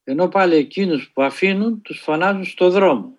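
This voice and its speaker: A man telling a spiritual story in a sermon style, earnest and measured, with dramatic pauses. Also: high voice. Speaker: preacher.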